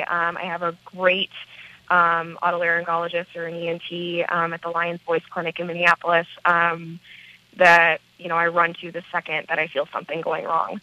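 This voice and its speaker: Raspy American woman, muffled sound. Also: lowish voice, level tone, normal speed, bright, forceful tone, no echo. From small town in central Wisconsin, United States. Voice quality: raspy, smoky, gravelly voice. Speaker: rock band lead singer, interview guest. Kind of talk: casual interview talk.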